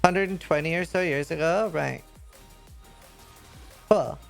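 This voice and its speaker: Male streamer, slightly raised pitch, rambling casual delivery. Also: slow pace, creaky, soft background music. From Norway. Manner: rambling, chatty, with many fillers and restarts. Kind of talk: casual chat while streaming a game.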